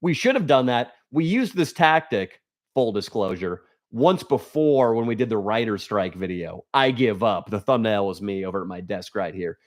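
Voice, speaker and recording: At a moderate pace and in a lowish voice, a young male livestream host reads viewer comments and chats casually. His talk wanders into rambling asides and crude jokes delivered deadpan.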